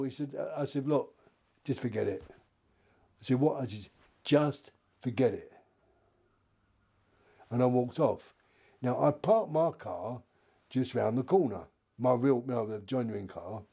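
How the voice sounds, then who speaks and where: A man's voice: mid-range voice, creaky, dark tone, husky. A man, telling rambling stories with many restarts and acted-out dialogue. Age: 70s. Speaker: interviewee. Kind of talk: casual anecdote telling.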